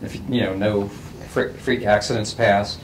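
A middle-aged man moderating a group discussion, asking quick, playful, probing questions in a school library. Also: fairly low pitch, steady tone. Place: large school library, indoors. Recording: distant mic with faint room noise.

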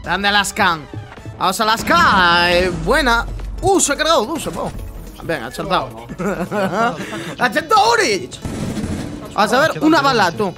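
A man's voice: high voice, sing-song, moderate pace, music in the background. A young man from Spain with a Spanish accent, reacting to gameplay clips, exclaiming, laughing and swearing as he goes. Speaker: gaming YouTuber reacting to clips. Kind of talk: excited gameplay reaction commentary.

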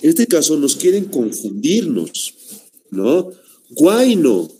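A man's voice: on the high side, huge pitch swings, slow, warm tone, a little hiss or hum. A man teaching a language class, stressing and repeating his points while addressing the students as "señores.". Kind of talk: online class lecture.

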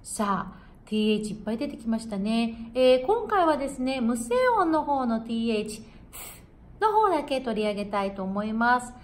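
Woman, pronunciation lesson, jazz singer and coach, encouraging, repeats words as examples, somewhat high voice. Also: very animated, moderate pace. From Japan. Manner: friendly, encouraging teacher who demonstrates sounds by repeating words.

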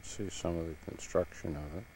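A man narrating his own home video while sightseeing outdoors, in an unhurried, plain manner, heard from an old VHS tape through a camcorder mic. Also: sits low, steady tone, darkish tone, a little hiss or hum, low-quality recording. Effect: old VHS tape sound. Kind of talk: casual travel narration.

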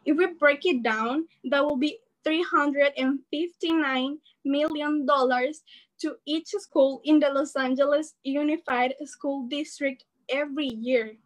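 A teenage girl from El Salvador, a student organizer giving an earnest, animated rally speech over a video call from her bedroom. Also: sits high, measured pace, rough recording. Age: teens. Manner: earnest, animated, gestures while speaking. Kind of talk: prepared speech. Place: bedroom at home. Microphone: laptop webcam on a video call.

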